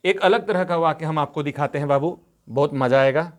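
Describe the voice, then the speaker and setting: Patient man teaching grammar. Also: a little high. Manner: patient, slow dictation of examples, asks students questions. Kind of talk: grammar lesson, explaining step by step.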